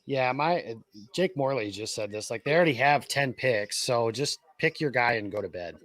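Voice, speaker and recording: A man co-hosting a casual live draft stream, breaking down picks in a relaxed, informed way. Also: mid-range voice, normal speed. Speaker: co-host.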